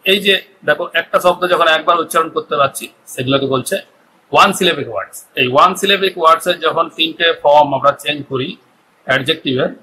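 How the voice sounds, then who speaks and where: A man's voice: on the high side, quick pace, pushed and bright, slight background noise, low-quality recording. A man teaching an English grammar lesson with a Bengali accent, explaining step by step and checking in with his students often. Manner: explains step by step, often asks "ঠিক আছে?".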